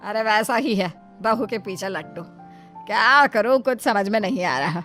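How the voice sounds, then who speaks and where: A woman's voice: mid-range voice, normal speed, fairly bright tone, faint music behind, lightly acted. A woman voicing a jealous older mother-in-law in a cartoon story, grumbling and scolding. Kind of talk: cartoon voice acting.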